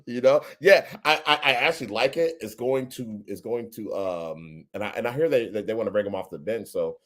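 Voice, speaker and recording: A man co-hosting a podcast, chatting casually about sports, laid-back and quick to laugh, often repeating his words. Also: lowish voice, fairly bright tone. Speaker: podcast co-host.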